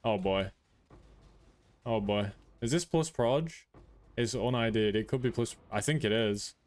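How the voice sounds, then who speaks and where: A man streaming a game, chatting casually and blurting out excited reactions. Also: fairly low pitch, a little slow. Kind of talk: casual live-stream chat.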